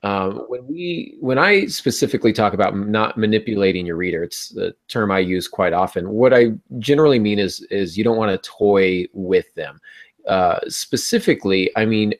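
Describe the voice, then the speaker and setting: A middle-aged American man with a fairly low voice hosts a podcast, explaining things conversationally as though on a live video call from a small room at home.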